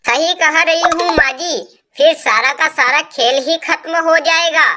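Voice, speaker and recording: A woman's voice: high-pitched, fairly even intonation, measured pace. A woman voicing a cheeky young daughter-in-law who sweetly mocks. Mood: mocking. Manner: sweetly sarcastic. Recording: loud hiss behind the voice.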